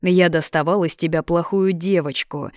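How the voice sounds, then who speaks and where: Brief: woman reader doing cocky young male student, teasing, lower-ish voice. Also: steady tone, moderate pace, darkish tone, no room sound, clean studio sound, lightly acted. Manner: teasing, playful.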